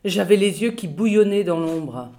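A woman reading a children's novel aloud in a calm, expressive storytelling voice. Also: medium pitch, normal speed. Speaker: reader.

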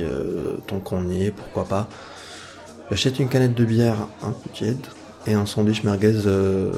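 A man's voice: fairly low pitch, mellow. A young man telling a personal night-out story in a casual, wry way, with frequent hesitations. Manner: casual, wry, fillers and pauses. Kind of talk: first-person spoken story.

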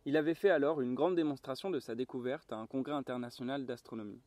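Male audiobook reader, mellow and unhurried, in a garden. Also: mid-range voice, dry recording. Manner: calm, measured reading. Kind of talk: audiobook narration. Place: garden, outdoors.

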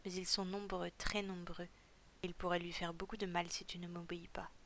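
Storybook villain: a cold, cruel male captor chief, low and flat-toned, as a woman narrator puts him on. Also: brisk, slight background noise. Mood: cold menace. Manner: cold, menacing.

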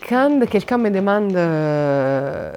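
A woman from Naples with an Italian accent, her native language, speaking as a podcast guest in an animated way, repeating words and hesitating often. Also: lowish voice, drawn-out words, clear, resonant tone. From Naples, Italy. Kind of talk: conversational interview.

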